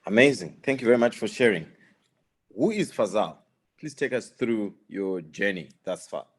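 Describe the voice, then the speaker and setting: A man's voice: fairly low pitch, animated, normal speed, breathy edge. A man hosting a business podcast, reading formal introductions and asking polite, upbeat questions. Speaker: podcast host. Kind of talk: scripted host introduction and questions.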